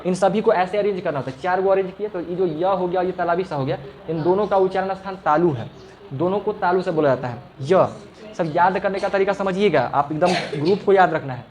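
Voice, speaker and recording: A man's voice: high-pitched, fairly quick, a little mellow. A male teacher giving a classroom lesson, patiently explaining and repeating each sound for the students. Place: classroom with a fan running.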